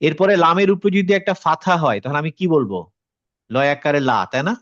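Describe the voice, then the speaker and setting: A man's voice: a little high, very animated, fast, dry recording, highs cut off. A man teaching a Quran tajweed class online. He explains patiently, drops English words into his talk and stops to check that students follow.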